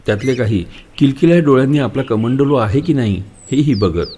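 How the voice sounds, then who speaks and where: A man reading a literary story aloud in a measured, reflective storytelling manner. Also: mid-range voice, lively intonation, dark tone, a little hiss or hum. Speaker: narrator, audiobook reader. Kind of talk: literary audiobook narration.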